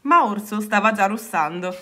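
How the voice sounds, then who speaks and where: A woman reading a children's story aloud, expressive. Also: mid-range voice, moderate pace, soft background music.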